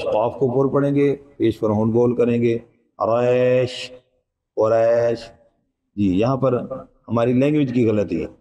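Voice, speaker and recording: A man's voice: mid-range voice, mellow, rough recording. A man teaching recitation, patiently explaining each sound and quizzing his students, sometimes chanting verses in a long melodic tone. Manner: patient, explains letter by letter and asks the class questions. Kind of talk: recitation pronunciation lesson.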